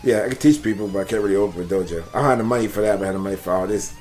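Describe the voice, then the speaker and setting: A man in his thirties co-hosting a podcast, relaxed and joking, with casual swearing. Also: fairly low pitch, very fast, soft background music. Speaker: podcast co-host. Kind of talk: casual movie chat.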